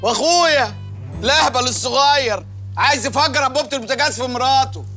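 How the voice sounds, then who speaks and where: A childish, mocking grown son with an Egyptian accent. The voice sits very high and sharp, rattling along fast with exaggerated sing-song wails. Soft music runs under it. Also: male voice. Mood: fake soothing. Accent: Egyptian Arabic. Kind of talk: Egyptian film comedy acting.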